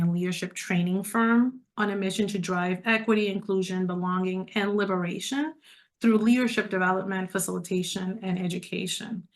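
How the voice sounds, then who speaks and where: Middle-aged woman from the Dominican Republic, leadership coach, mid-range voice, persuasive and chatty, presenting on a video call. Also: mid-range voice. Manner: conversational and persuasive, addressing listeners directly. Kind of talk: online presentation to a group.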